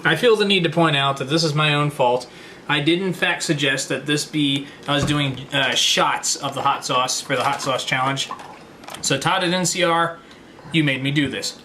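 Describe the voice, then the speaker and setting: Dry, bright-voiced man joking casually. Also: a little high, normal speed. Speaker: challenge participant. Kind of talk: casual chat. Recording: noisy background.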